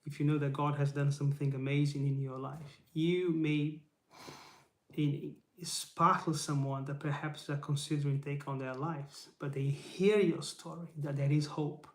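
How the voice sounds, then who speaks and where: On his YouTube channel, a man speaks English to the camera in a casual live motivational talk, his native Portuguese showing through. His voice sits on the high side with a level tone and measured pace, earnest and encouraging, full of rhetorical questions and frequent "right?" tags. The camera mic captures an echoey room.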